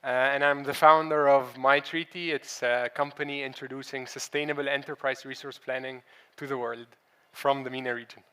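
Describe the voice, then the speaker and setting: A twenty-year-old man of Egyptian and German background introducing himself as a founder, clear and composed. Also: medium pitch, fairly even intonation, normal speed, few pauses, sharp tone. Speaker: panelist, founder.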